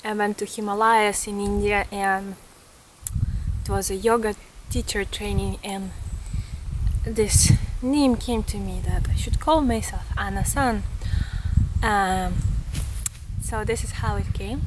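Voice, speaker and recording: Outdoors among forest trees, a vlogger and artist in her thirties with a Ukrainian accent shares casual, earnest reflections with her camera. She takes it slowly, her medium-pitched voice keeping fairly even intonation. Background noise can be heard.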